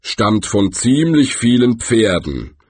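A man doing a slow, gloomy giant troll. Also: very animated, darkish tone, slightly rough, dry recording, full character voice. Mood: earnest. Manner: slow, deliberate and rumbling. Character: huge old male troll, slow and gloomy.

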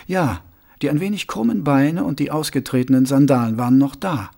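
A man narrating a novel as an audiobook in a lively storytelling manner. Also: mid-range voice, brisk, gravelly. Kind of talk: scripted narration.

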